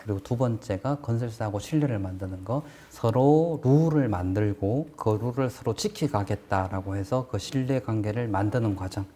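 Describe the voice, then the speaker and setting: Guy with a warm low-toned voice lecturing on construction stuff, plain talk, lots of rhetorical questions. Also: moderate pace, hardly any pauses. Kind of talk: casual explanatory lecture.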